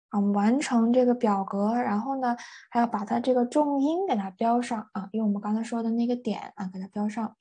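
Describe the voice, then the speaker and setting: A woman's voice: a little high, dark tone, husky. A woman teaching an English vocabulary lesson, patiently repeating each word and translating it with many fillers. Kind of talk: vocabulary lesson explaining words.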